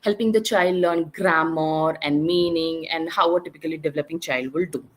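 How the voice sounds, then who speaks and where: A woman speech-language therapist presents to an online symposium over a video call. She explains her methods patiently and step by step, often pausing on fillers and restarting her sentences. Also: deep voice, low-quality recording.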